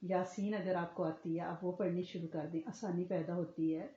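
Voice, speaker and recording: Woman religious teacher, earnest lecture style, mellow warm tone, muffled roomy recording. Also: on the low side, fairly even intonation. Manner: earnest, explanatory, often checks in with listeners. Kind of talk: religious lecture to a women's class. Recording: echoey room, slightly muffled sound.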